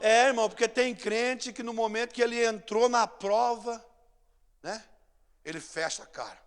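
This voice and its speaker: A man with a Brazilian Portuguese accent preaching a sermon, acting out scenes, swinging between shouts and hushed asides. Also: very high-pitched, moderate pace, smooth. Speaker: pastor. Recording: long church hall reverb.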